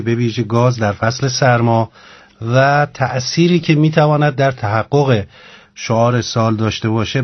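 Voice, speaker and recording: A man hosting a radio program who closes the show with a courteous, formal thank-you and farewell to his guest and listeners. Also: medium pitch. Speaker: radio host. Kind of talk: formal on-air sign-off. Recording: dull lo-fi radio sound.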